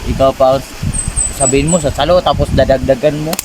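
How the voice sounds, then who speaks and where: A man's voice: medium pitch, steady tone, a little fast, background noise. A man in a comedy skit, airing his troubles in a mock-sorrowful way. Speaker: comedy sketch performer.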